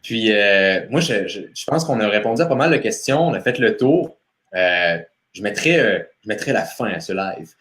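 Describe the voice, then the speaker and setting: A man's voice: fairly low pitch, lively intonation, moderate pace, a bit bright, reverberant. A man with a Québécois accent hosting a live stream interview, casual and full of fillers. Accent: Québécois French. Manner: casual, many fillers and restarts. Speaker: host.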